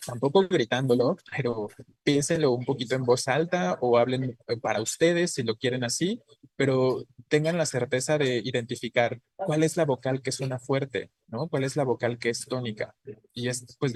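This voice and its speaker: Speaking at normal speed in a medium-pitched voice, a Spanish teacher delivers an online grammar lecture. He explains things patiently and frequently tosses short tag questions to his students, with no room sound in the recording.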